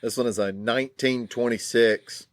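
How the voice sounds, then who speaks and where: A man's voice: mid-range voice, steady tone, normal speed, dry recording. A man co-hosting a motorcycle podcast, chatting casually and teasing his co-hosts. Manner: joking, teasing banter. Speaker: podcast co-host. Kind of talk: casual chat.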